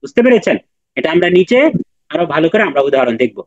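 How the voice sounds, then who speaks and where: A man's voice: fairly high pitch, very animated, fast talker, no echo, lo-fi sound. A man teaching Quran recitation in an online class, patiently repeating and drilling letter sounds with his students.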